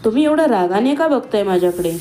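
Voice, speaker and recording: A woman voicing a young female college student who talks in a quick, teasing and pointed way. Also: on the high side, expressive, dark tone, faint music behind, close to an everyday voice. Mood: spirited.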